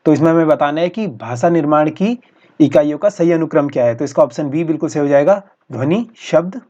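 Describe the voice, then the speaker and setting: A male teacher going through practice exam questions in a steady, explanatory way, often repeating each answer. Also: on the high side. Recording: dull lo-fi recording.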